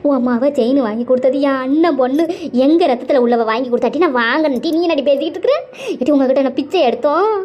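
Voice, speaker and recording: A woman's voice: sits high, fast talker, muffled recording, lightly acted. A woman voicing a wounded older cartoon woman who laments tearfully. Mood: wailing.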